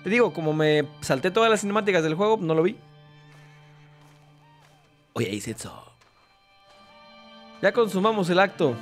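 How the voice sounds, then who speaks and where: A man with a Mexican accent, joking and teasing through casual gameplay commentary. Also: fairly high pitch. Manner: playful, jokey, teasing. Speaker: gaming streamer.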